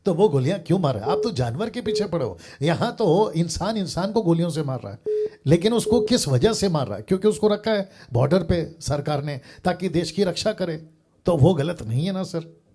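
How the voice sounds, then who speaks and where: Man, preacher, earnest, raised pitch, mellow husky voice, live call-in talk. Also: animated, brisk. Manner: earnest, reasoning by everyday examples, repeats "sir".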